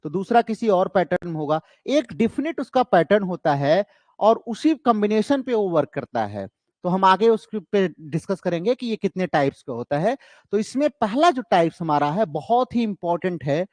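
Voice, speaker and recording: Male literature teacher, high voice, dry close sound, patient explainer who repeats key terms. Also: a little mellow, no room sound. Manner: explains slowly, repeating key terms, switches into English for definitions. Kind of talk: classroom-style lecture.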